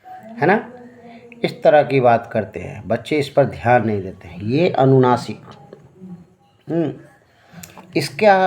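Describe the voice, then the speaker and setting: A man's voice: medium pitch, darkish tone. A man teaching Hindi grammar at a board, explaining patiently and often checking that the children follow. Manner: slow, patient, checks in with "है ना?" and fillers. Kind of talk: classroom lesson explaining at a board.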